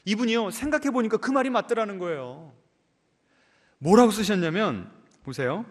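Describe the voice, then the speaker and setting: A male pastor preaching a sermon, questioning his congregation and swinging between emphatic raised lines and soft low endings. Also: expressive, moderate pace. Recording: church hall with long reverb.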